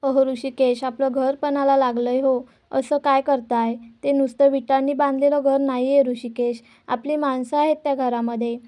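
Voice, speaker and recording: A woman's voice: high voice, little pitch movement, normal speed, few pauses, mellow, natural voice. A woman voicing a young wife who speaks firmly and earnestly for her family. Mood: firm pleading. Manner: firm and earnest. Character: firm, devoted young wife pleading for family.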